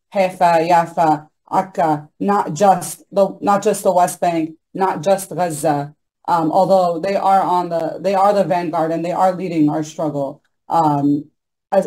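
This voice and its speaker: A woman's voice: fairly low pitch, warm tone, rough recording. A young woman speaking as a panelist on a video call from a small room, earnest and insistent, with many ums and you-knows. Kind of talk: impassioned panel talk. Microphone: laptop mic on a video call.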